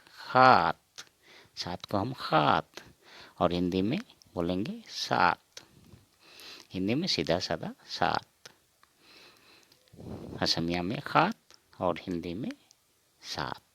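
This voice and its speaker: A man teaching a counting lesson, saying each number slowly and asking and answering his own questions. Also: low voice, sing-song, vocal fry, fairly bright tone. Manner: repeats each word, asks and answers himself. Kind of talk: slow spoken counting lesson.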